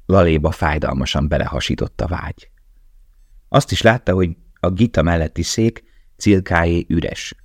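A man narrating an audiobook in a calm, measured read. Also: sits low, no room sound, clean studio sound. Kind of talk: scripted narration.

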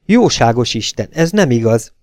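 A man voicing a nervous, smooth-talking young husband who protests his innocence. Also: mid-range voice, big pitch swings, darkish tone, dry recording, studio quality, lightly acted. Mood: protesting. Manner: flustered, protesting.

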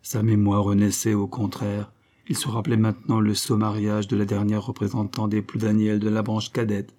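An audiobook reader with a fairly low-pitched voice narrates a classic story. His scripted delivery is measured and even, in a steady storytelling manner.

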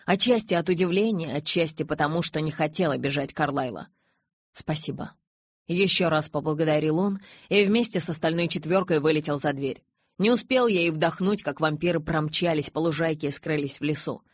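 A woman narrating a novel in the first person in an even, measured reading voice. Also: deep voice, no echo. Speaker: audiobook reader.

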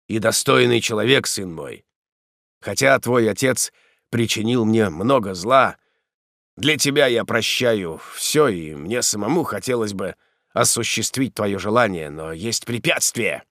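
A man voicing an old former count and prisoner in an audiobook, speaking slowly and solemnly. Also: fairly low pitch, lively intonation, fairly bright tone, no room sound, studio quality. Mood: grave.

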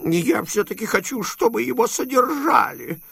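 A man voicing a frightened, miserly old uncle who whines and blusters in a high, jumpy voice. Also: lively intonation, gravelly, pushed and bright, breathy edge, heavily acted. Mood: pleading, prim. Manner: shrill, pleading, quick to bluster.

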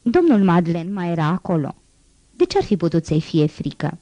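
Woman reading an audiobook, low mellow voice, dry close sound. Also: very animated, no echo. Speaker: audiobook reader. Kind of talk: literary audiobook narration.

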